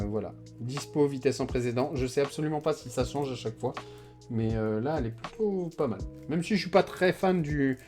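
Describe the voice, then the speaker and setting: A man's voice: fairly high pitch, a little mellow. A man giving casual, chatty commentary as he opens card packs, often hesitating and trailing off. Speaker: card collector opening packs.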